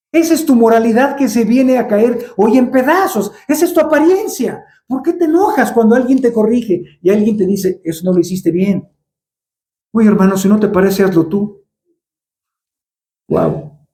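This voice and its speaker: Pastor guy preaching, keeps asking why you get mad, mellow tone, roomy church echo. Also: very high voice, lively intonation, moderate pace. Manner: rhetorical questions, acts out quoted dialogue. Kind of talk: sermon. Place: church hall.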